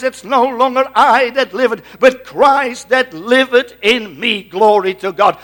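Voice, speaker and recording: A man from the Netherlands preaches a Pentecostal-style sermon with congregational call-outs, exclaiming in a Dutch accent and often hesitating and repeating words. His voice is very high and a bit bright.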